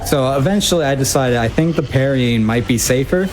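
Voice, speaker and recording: A man's voice: mid-range voice, a little fast, background noise. Casual man commentating his own speedrun. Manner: informal, wry, self-interrupting thinking aloud. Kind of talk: casual live gameplay commentary.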